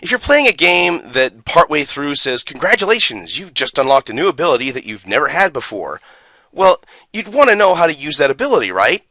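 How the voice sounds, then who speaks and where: A video game YouTuber rants with strong opinions and reads from a booklet, sounding sarcastic and exasperated and hitting words hard. His voice sits on the high side and is very animated, brisk, bright and forceful, with no room sound.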